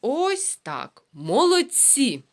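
A woman with a Ukrainian accent leads a children's phonics lesson, stretching out each syllable as she sounds words out. Her fairly high voice rises and falls a great deal, and she speaks at an unhurried, patient pace. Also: huge pitch swings. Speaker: preschool teacher.

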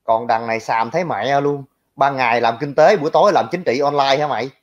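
Brisk and medium-pitched, this young male livestreamer with a Southern Vietnamese accent rants about viewer comments. He mocks his critics in a brash, crude way. The recording sounds lo-fi and dull.

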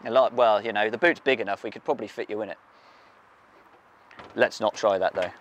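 Wearing a lapel mic, a mechanic moves from an outdoor workshop yard into a moving car while walking through engine work in a friendly, relaxed way full of "um"s and restarts. He speaks briskly in a fairly low voice, and the sound is lo-fi with slight background noise.

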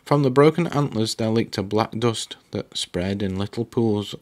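A man narrating a novel aloud in a steady, dramatic reading with small slips. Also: fairly low pitch, normal speed. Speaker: book reader. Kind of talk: audiobook narration.

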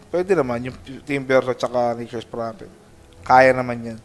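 A man's voice: mid-range voice, normal speed. Joking male esports caster. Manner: joking banter, bursts into loud excitement on big plays. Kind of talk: play-by-play commentary.

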